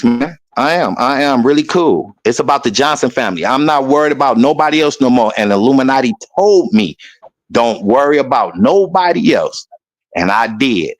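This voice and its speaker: A man in casual conversation, telling a rambling story and mimicking other people loudly as he goes. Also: mid-range voice. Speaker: guest.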